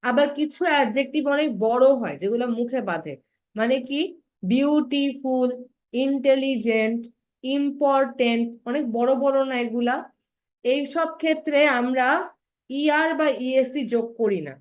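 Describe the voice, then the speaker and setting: Young woman, grammar teacher, patient online lecture, voice sits a little high. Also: darkish tone. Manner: explains patiently, slows to spell out example words.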